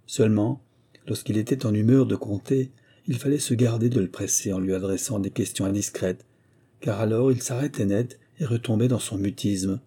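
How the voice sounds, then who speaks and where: A man reading a nineteenth-century short story aloud in a measured storytelling manner. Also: lowish voice, dark tone, husky. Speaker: audiobook reader. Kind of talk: scripted literary narration.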